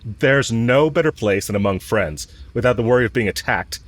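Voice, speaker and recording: A man with a mid-range, animated voice at a moderate pace, near his everyday speaking voice, voices a smitten villain in a romantic audio roleplay. The character is cocky and teasing, speaking casually and frankly to the listener and openly admitting he's in love.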